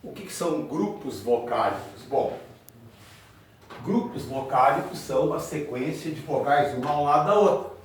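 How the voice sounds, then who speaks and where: A man teaching a grammar lesson at a board, speaking slowly and repeating each example word. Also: fairly high pitch, animated, recorded from a distance, slight background noise. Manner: slow, drawn-out, repeats example words. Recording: very echoey room, voice from afar.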